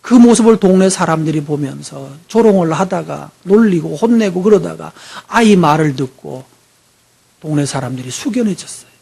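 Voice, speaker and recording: A man's voice: on the high side, animated, moderate pace, gravelly, darkish tone, slightly rough. A man preaching a sermon as pastor, telling a story, acting out voices and putting questions to the congregation.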